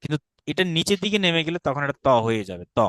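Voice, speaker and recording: A man's voice: on the high side, big pitch swings, fast talker, a bit bright. Patient Bangladeshi man teaching, dry sound. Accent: Bangladeshi Bengali. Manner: patient, repeats sounds for students to echo; mixes English words into explanations. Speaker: Sanskrit teacher. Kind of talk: online grammar class.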